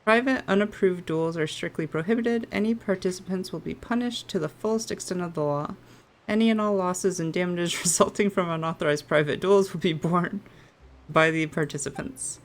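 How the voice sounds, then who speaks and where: Speaking at a moderate pace in a lowish voice, this game streamer chats and reads aloud while she plays. Her manner is playful, with plenty of giggles.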